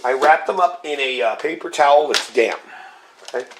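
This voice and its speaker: Still recovering from a cold, the man hosting this laid-back cooking vlog has a slightly scratchy, somewhat high voice and talks at a normal speed. He explains things step by step as he works with his equipment.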